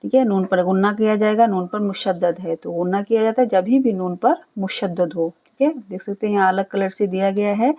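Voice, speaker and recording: A woman teaching Quran recitation, spelling out letters and vowels, then chanting each word slowly and drawn out, with patient explanations. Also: medium pitch, warm tone. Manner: explains rules patiently, often checks with a quick "okay". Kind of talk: step-by-step recitation lesson.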